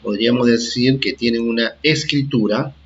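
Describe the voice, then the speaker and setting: Dull audio captures a man with a mid-range voice teaching young children in a recorded classroom lesson. He takes his time, says things more than once, and checks comprehension with "¿ah?" and "¿de acuerdo?"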